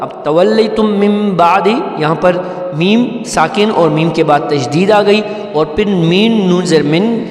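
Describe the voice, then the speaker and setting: A man teaching Quran recitation rules, explaining each point patiently and then chanting verses slowly and melodically. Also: high-pitched, a little mellow, reverberant, long reverb tail. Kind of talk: tajweed lesson with chanted recitation.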